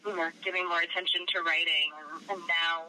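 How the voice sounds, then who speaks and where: A woman's voice: on the low side, steady tone, a little fast, sharp tone, a little hiss or hum, poor audio. A young woman from Arizona with a cold, a guest author talking in a casual interview, chatty and giggly with many fillers. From Arizona, USA. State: has a cold.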